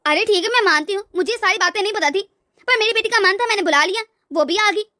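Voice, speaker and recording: Scornful cartoon mother-in-law, woman voicing, shrill high voice, dry. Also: fast talker, pushed and bright, no room sound. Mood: nagging. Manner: nagging, haughty. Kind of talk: cartoon voice acting.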